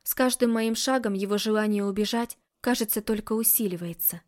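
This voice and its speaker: A woman reading a romance novel aloud as a first-person narrator, in a steady, intimate storytelling manner. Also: mid-range voice, fairly quick. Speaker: audiobook narrator.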